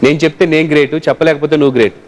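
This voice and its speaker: A man's voice: on the high side, steady tone, very fast, a little mellow, a little hiss or hum. Teasing male quiz host. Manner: playful, teasing, repeats himself to coax. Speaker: game show host. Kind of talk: coaxing a child contestant on a kids' quiz show.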